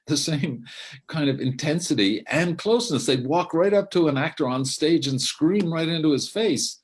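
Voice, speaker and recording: An older man, a theatre director, speaks in a husky mid-range voice. He rambles through stories from his career, often restarting and swearing casually, in a reflective monologue.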